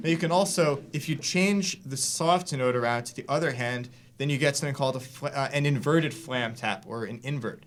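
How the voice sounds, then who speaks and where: A man's voice: medium pitch, fairly quick, hardly any pauses, over music. A man giving a casual drum lesson, explaining loosely with fillers and restarts. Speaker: drum teacher. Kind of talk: casual instructional talk. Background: drum hits between lines.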